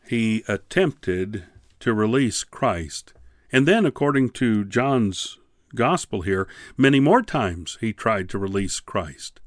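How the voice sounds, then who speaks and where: A man teaching a radio Bible lesson, reading scripture in slow, measured phrases and then commenting with emphatic rises on key words. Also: medium pitch, dry recording, studio quality.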